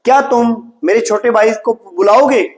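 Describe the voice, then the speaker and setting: A man's voice: very high-pitched, moderate pace, a little mellow. A man with an Indian accent teaching English in a classroom, switching between Hindi and English and drilling students with questions and answers. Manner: encouraging, calls students "beta".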